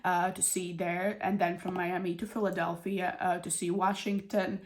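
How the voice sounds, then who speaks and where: A European woman who is sick with a cold and a runny nose talks casually to viewers of her budgeting channel, explaining things in a relaxed vlog style. Her voice is fairly low, level and moderately paced, with a stuffed-up, congested nasal quality.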